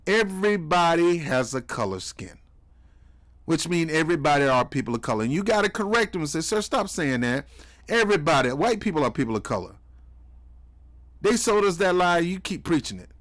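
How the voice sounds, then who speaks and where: Male commentary host, slightly high voice, preachy and mocking. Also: expressive, moderate pace, fairly bright tone. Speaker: commentary host reacting to clips. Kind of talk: heated political commentary.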